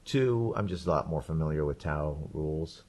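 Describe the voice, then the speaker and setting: Deep-voiced man recounting a game. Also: moderate pace. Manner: rambling, animated storytelling with laughs and restarts. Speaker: podcast co-host. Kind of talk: casual chat.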